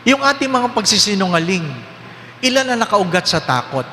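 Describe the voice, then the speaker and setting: Lively priest preaching in echoing hall. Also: male voice, high-pitched, a little fast, a little hiss or hum. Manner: lively, questioning the congregation, joking. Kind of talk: sermon. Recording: echoey hall with faint ambience.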